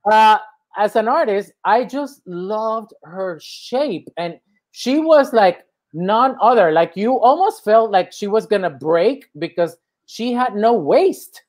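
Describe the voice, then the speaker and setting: A man's voice: high-pitched, expressive, slow pace, a little mellow. Playful Spanish-accented male host. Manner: playful, rambling, theatrical. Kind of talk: casual chat show.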